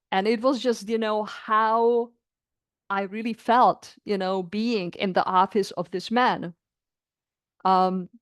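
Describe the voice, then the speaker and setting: A woman's voice: fairly high pitch, no echo, studio quality. A middle-aged woman from the Republic, earnestly sharing a personal experience in heartfelt, searching words. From Czech Republic. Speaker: coaching client. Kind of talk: reflective personal testimony.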